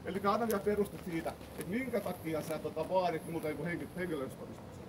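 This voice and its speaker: A man's voice: on the high side, background noise. A man insistently demanding reasons from police, argumentative and indignant, filmed on a phone at a swimming hall entrance. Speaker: man filming his own confrontation with police. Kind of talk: argumentative live-streamed confrontation.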